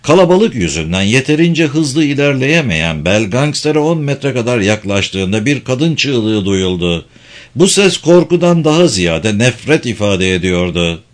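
A man reading a thriller novel aloud in a steady, measured storytelling delivery. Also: mid-range voice. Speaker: audiobook narrator. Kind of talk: scripted narration.

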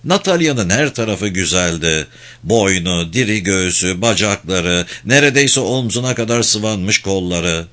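A man narrating a novel as an audiobook, in a measured, steady reading voice. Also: low voice.

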